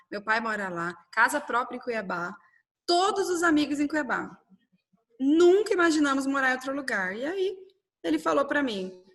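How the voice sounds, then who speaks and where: A woman tells her own story in an interview. Her voice sits a little high. She keeps it animated, voices the dialogue herself, and checks in often with "né?". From Brazil. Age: 30s. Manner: animated, quotes dialogue, frequent "né?".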